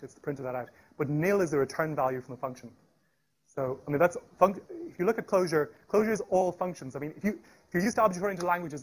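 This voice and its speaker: A man giving a live technical presentation at a meetup, talking fast with frequent restarts and fillers. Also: fairly high pitch. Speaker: tech meetup speaker. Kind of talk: live technical talk with demo. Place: meetup room.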